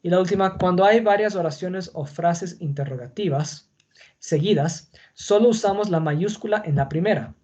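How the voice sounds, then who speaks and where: A man's voice: high voice, normal speed, darkish tone, muffled recording. A man teaching a class on punctuation, explaining patiently and checking in with his students. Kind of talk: online class on Spanish punctuation.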